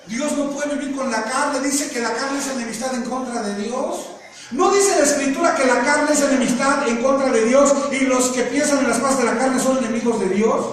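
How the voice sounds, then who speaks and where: A man preaching a sermon, firing rhetorical questions, breaking into shouts and joking asides. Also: very high-pitched. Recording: echoey hall from far off, faint noise.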